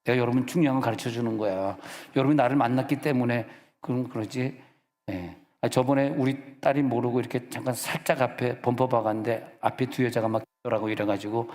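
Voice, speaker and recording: A middle-aged man, a senior pastor, preaching a sermon in a church sanctuary and telling personal stories in a relaxed, conversational way. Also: mid-range voice, brisk. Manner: conversational, storytelling with personal anecdotes. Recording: reverberant church hall.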